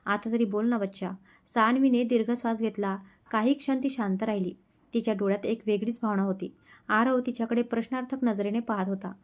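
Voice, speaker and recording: A woman storyteller reading a romance story aloud in a gentle, emotional narrating style. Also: on the high side, steady tone, brisk. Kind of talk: scripted narration.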